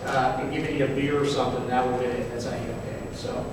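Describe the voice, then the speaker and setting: A fast-talking man with a mid-range, fairly flat voice presents a stage show to a live audience in a museum housed in an old courthouse, speaking informally with jokey asides. The hall is very echoey, the mic distant, with faint noise.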